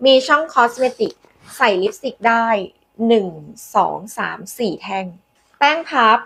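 A woman hosting a live sales pitch, demonstrating products in a chatty, coaxing way with polite endearments to customers. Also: lively intonation, a little slow, a bit bright, slightly rough. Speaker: live-selling host presenting handbags.

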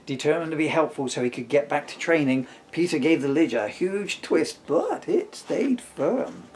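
Sitting on his living room sofa at home, a man in his fifties reads aloud from his own comic storybook, playful and very animated, adding wry asides. His voice is on the high side and a little mellow, at normal speed. A camera a short distance away records it, with a little hiss or hum.

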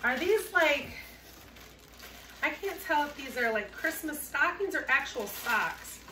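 A woman's voice: high-pitched, lively intonation, a little slow, sharp tone. A woman chatting casually and cheerfully as she unboxes resale items, thinking aloud. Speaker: reseller vlogger. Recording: echoey room, mic at a distance, noisy.

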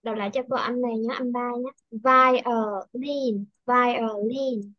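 A woman teaching English pronunciation in an online class over a video call. She patiently models each word slowly and clearly. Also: fairly high pitch, fairly even intonation, no room sound, muffled recording.

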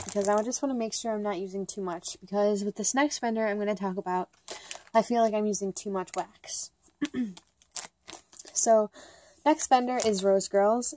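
A woman's voice: mid-range voice, a little mellow, a little hiss or hum. A woman chatting through a casual product review at home, rambling and bubbly with lots of "like" and "um". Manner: rambling and bubbly, many "like" and "um" fillers; talks fast at times, by her own account. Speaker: vlogger reviewing wax melts.

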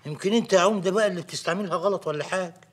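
Sly Egyptian folk healer, high, quick, bright. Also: male voice, slightly rough. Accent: Egyptian Arabic. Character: male village folk healer, sly, self-assured.

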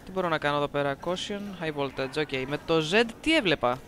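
A man with a high, bright voice jokes his way through a game, talking back to it and reading its on-screen text aloud. His throat is sore and he coughs now and then. Faint game sound and a light hiss sit behind him. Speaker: gameplay commentator. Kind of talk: casual let's-play commentary.

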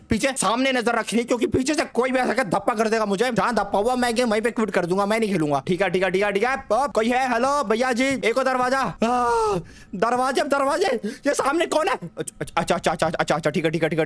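A man's voice: extremely high pitch, brisk, a bit bright. Jokey young man narrating a horror game. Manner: jokey and rambling, taunts the game's ghosts; repeats words in nervous streams of reassurance. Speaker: gaming YouTuber. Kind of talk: comic horror game commentary.

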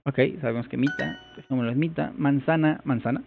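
A man's voice: mid-range voice, fairly quick, vocal fry, soft background music. A man vlogging his first try at a new language, thinking aloud hesitantly and repeating phrases as he works them out. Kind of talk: casual thinking-aloud commentary. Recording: tinny phone-like sound.

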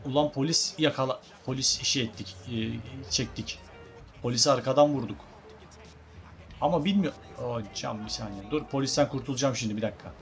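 A man's voice: medium pitch, a little fast, soft background music. A man giving casual, joking let's-play commentary as a gaming YouTuber, talking to his viewers as guys.

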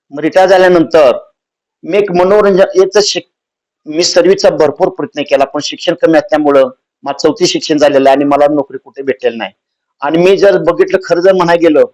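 A man's voice: fairly high pitch, a little mellow, rough recording. A man, a retired soldier giving earnest interview answers and often restarting phrases. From Sangli district, Maharashtra. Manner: earnest, repeats and restarts phrases, rises when stressing points.

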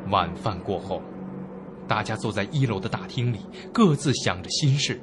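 Against background noise, a man with a lowish, everyday-sounding voice talks at normal speed. He plays an uneasy young man describing what happened to him at a haunted inn, building suspense and fear in a dramatic, expressive first-person telling.

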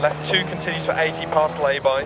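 Gravelly rally co-driver, clipped pace notes. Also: male voice, a little high, level tone, fairly quick, over loud music, rough recording. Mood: brisk, focused. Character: male rally co-driver, brisk and focused. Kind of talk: rally pace-note calling in a racing game. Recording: loud car engine noise. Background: roaring rally car engine.

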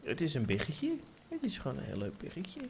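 Brisk and full of vocal fry, this man's medium-pitched voice swings hugely in pitch. He's streaming a survival game, swearing casually and sweet-talking a pig in a sing-song voice. It's let's-play commentary captured on a noisy home setup.

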